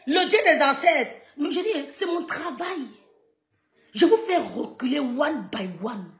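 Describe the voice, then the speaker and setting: A woman's voice: high voice, darkish tone, reverberant. A woman hosting a social media live stream, talking in an emphatic, repetitive, scolding way. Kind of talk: heated live-stream rant.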